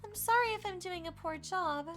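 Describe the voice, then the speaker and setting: A woman's voice: very high voice, normal speed, a bit bright. A woman voicing a meek, naive girl made of toxic ooze in a visual novel, talking timidly and sweetly. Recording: game audio over music.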